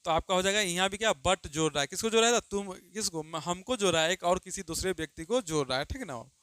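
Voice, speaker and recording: A man's voice: sits high, expressive, fast talker, fairly bright tone, clean tone, no echo. A man teaching a grammar lesson to students, who keeps asking questions and answering them himself, calling them "babu" and drawing out the example sentences he dictates.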